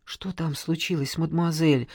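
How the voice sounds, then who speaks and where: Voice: mid-range voice, steady tone, moderate pace, gravelly, a little mellow, breathy edge, no room sound, clean studio sound. A narrator voicing an anxious, headstrong young noble girl who presses urgently for answers. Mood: alarmed. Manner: urgent, pleading, insistent. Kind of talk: audiobook character reading.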